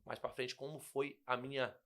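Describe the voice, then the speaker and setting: A man's voice: medium pitch, little pitch movement, normal speed, a bit bright. A young man, a pastor, telling a personal testimony in casual conversation, emotional and acting out the dialogue. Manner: emotional storytelling, acts out dialogue. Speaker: guest pastor.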